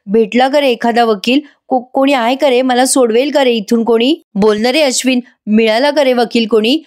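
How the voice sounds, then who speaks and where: A woman's voice: on the high side, steady tone, moderate pace, darkish tone, lightly acted. A woman voicing a desperate young woman in jail who pleads with repeated questions. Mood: pleading. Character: desperate young woman jailed, self-pitying.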